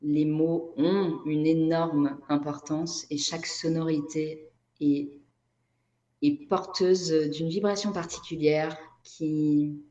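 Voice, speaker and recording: This Brazilian woman, whose first language is Portuguese, is interviewed as an energy therapist and writer. She speaks slowly and reflectively in a low, steady, dark-toned voice, frequently hunting for words. The lo-fi recording was made in an echoey room.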